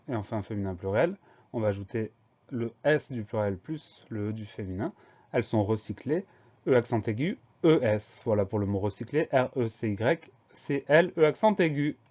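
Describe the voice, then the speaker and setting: A man of middle pitch leads a dictation lesson, breaking each word into syllables and spelling it carefully letter by letter. His pace is measured and patient. The recording sounds a little dull and lo-fi. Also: a little mellow. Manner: slow, deliberate letter-by-letter spelling. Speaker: teacher.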